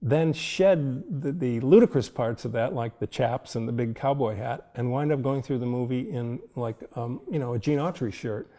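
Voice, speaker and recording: A man's voice: mid-range voice, normal speed, hardly any pauses, mellow. An older man, a film director, telling thoughtful anecdotes in an interview and chuckling now and then. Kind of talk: reflective interview storytelling.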